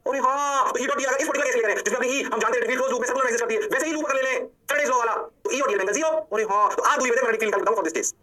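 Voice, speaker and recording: Fast, bright-voiced physics teacher. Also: male voice, extremely high pitch. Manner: animated, playful catchphrases, rhetorical questions to students. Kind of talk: energetic online lecture.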